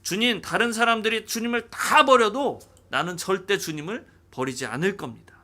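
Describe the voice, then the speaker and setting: A man preaching a sermon as pastor, animated, acting out dialogue. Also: high voice, moderate pace.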